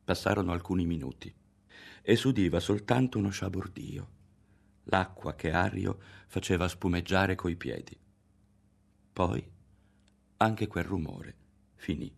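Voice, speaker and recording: A man reading a literary novel aloud as an audiobook narrator, in a measured and expressive manner. His voice sits very low and carries a gravelly rasp. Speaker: audiobook reader.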